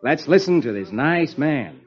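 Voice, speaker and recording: Playing a genial host who reads comic strips to children, a man uses a full character voice and theatrical, dramatic 1940s radio storytelling delivery. His voice is a little high and slightly rough, with big pitch swings at a measured pace, on a dull old radio recording with music.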